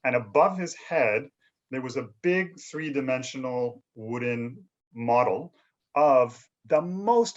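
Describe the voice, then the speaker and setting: A man tells long stories at a middle pitch, easy and conversational. He often adds small tag questions as he goes. The sound is dull and lo-fi, like a video call. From Canada. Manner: conversational, leans on "you know" and "right?". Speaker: filmmaker guest. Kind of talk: relaxed storytelling interview.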